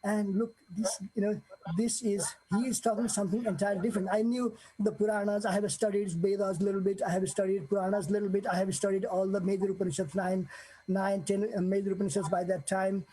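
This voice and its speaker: A man in his forties from Nepal, giving an earnest, halting spoken testimony full of fillers and restarts. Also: high voice, flat delivery, dark tone, husky, poor audio. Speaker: guest sharing a devotee testimony.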